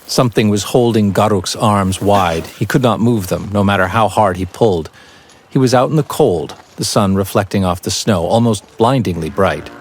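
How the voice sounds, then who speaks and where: A man narrating a fantasy audiobook in a measured, even storytelling voice. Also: fairly low pitch, slight background noise.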